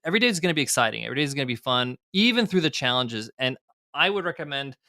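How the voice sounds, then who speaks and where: A middle-aged American entrepreneur appears as a guest on a casual podcast interview, speaking candidly with lots of fillers and restarts. His mid-range voice is sing-song and sharp-toned, he talks very fast, and the recording is dry with clean studio sound.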